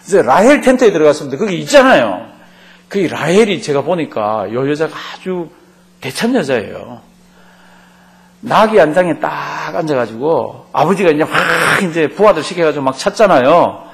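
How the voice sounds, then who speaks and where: A man's voice: on the high side, big pitch swings, moderate pace, gravelly. A male pastor giving a Bible study lecture in a church class, acting out quotes and quizzing his students. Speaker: pastor teaching a Bible course.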